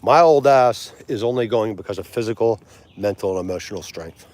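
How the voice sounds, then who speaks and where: A man in his forties, speaking with a low-leaning, darkish voice, hosts a casual livestream. He's chatty with viewers, laughs easily, and takes his time over foreign words.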